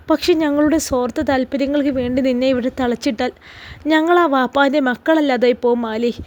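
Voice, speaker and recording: A woman's voice: high voice, a little mellow, close to an everyday voice. A woman voicing an earnest relative who gives a heartfelt farewell speech, with a Malappuram Malayalam accent.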